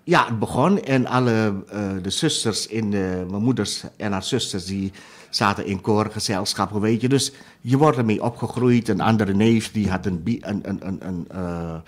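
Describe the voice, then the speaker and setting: A man in his sixties from Suriname, with a fairly low voice, speaking as a guest in a radio interview. He talks in a hesitant, searching way, full of fillers and restarts. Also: normal speed. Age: 60s. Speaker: guest musician. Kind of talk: interview conversation.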